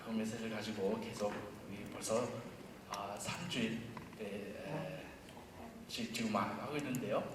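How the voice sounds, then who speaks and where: Very echoey male pastor, halting delivery. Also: fairly low pitch, fairly even intonation. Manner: halting, many pauses, swells from quiet to loud. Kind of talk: church service address with announcements. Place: large church hall during a service. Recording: very echoey hall, distant, noisy congregation behind.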